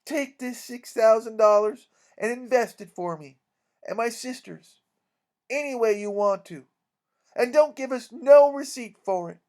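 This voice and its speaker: A man reading aloud plays a proud young woman from a storybook. The voice is high for a man, and the delivery is decisive, trusting and defiant. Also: very animated, normal speed, hardly any pauses. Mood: defiant, resolute.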